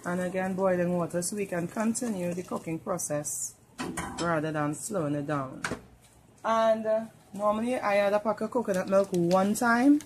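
There's background noise as a Trinidad and Tobago home cook walks her audience through each cooking step in her kitchen. Her Trinidadian-accented voice is medium in pitch, chatty, and moderately paced.

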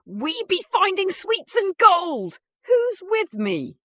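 Hammy, boastful pony pirate captain, put on by a woman for a storybook read-aloud, pitched up and loud. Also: huge pitch swings, slow, dry recording, studio quality, exaggerated voice. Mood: swaggering.

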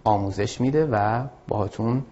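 A man's voice: on the low side, music in the background. A man teaching an English lesson to students, explaining patiently and addressing them directly. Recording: dull lo-fi audio.

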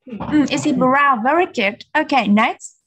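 Slow, deliberate woman teaching kids. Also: sits high, lively intonation, crowd noise. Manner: slow, deliberate repetition of words, gently correcting pronunciation. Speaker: English teacher. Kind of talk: children's English vocabulary drill.

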